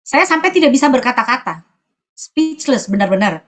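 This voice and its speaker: A woman from Sulawesi giving a personal testimony at church, often pausing to search for her words. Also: a little high, very animated.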